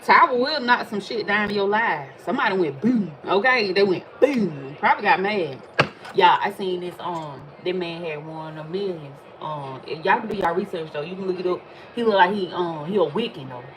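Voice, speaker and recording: A woman, chatting casually while reading tarot cards, animated and swearing freely. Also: lowish voice, normal speed, a little hiss or hum, low-quality recording. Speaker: tarot reader. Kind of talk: casual livestream chat.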